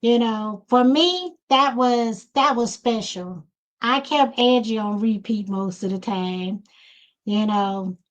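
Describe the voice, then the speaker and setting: A woman's voice: fairly high pitch, slow. A woman hosting a podcast interview in a loose, casual way, leaning on "you know" fillers, speaking over a video call. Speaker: podcast host.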